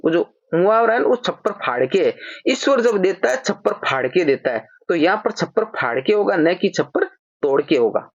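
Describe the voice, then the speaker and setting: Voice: mid-range voice, big pitch swings, no room sound. Patient grammar teacher, dry dull audio. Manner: explains patiently, repeats example sentences slowly. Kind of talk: exam-prep grammar lesson. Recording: slightly dull, dry lo-fi recording.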